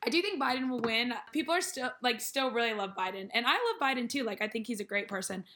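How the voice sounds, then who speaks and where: A woman's voice: on the high side, expressive, quick pace, pushed and bright, slight background noise. A young American woman co-hosting a casual podcast from a living room, chatting informally and freely giving her opinions. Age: young adult. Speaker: podcast co-host.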